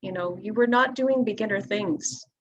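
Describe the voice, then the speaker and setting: A woman fitness instructor talking casually and thoughtfully, pausing with ums as she explains her clients. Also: mid-range voice, muffled recording. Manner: thoughtful, restarts often with ums. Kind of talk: casual conversation.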